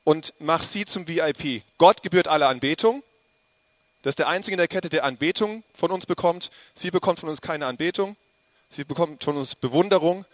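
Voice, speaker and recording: A man preaching a sermon to a congregation, lively and joking, speaking to them directly. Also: a little high, fairly quick, no room sound.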